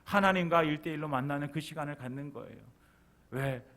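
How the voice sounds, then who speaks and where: A man with a slightly high voice preaches with strong emphasis, hammering home single words again and again. He swings into raised, forceful stretches and plays out quoted rebukes in a scolding tone. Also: brisk. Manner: emphatic preaching, repeats key words, rising to loud high passages. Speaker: pastor. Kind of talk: sermon.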